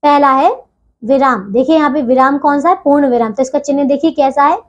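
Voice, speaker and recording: A high-voiced woman teaches Hindi grammar to children in a classroom lesson, with the highs cut off in the audio. She's patient, keeps asking "theek hai bachchon?", and leaves deliberate pauses between phrases.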